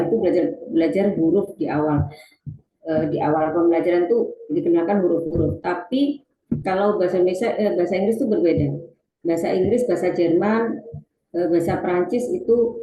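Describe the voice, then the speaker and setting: A woman's voice: fairly low pitch, echoey room, lo-fi sound, a little hiss or hum. A woman presenting an online webinar on teaching reading, talking to the audience and reading out chat replies with many fillers.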